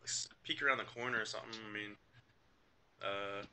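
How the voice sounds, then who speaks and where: A man runs a tabletop game as game master with a very bright, forward tone. He sits somewhat low in pitch and narrates casually. He hesitates often and fills pauses with "um" and "like". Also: a little hiss or hum. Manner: casual, hesitant, full of fillers.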